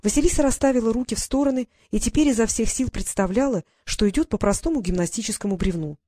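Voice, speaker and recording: Woman narrator for a fantasy audiobook, even delivery, dry close recording. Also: on the high side, quick pace, no room sound. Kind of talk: scripted narration.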